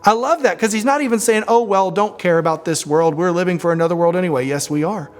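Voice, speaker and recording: A man preaching a sermon as pastor, animated, calling on the congregation to respond and laughing between points. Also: sits high, fast talker, soft background music.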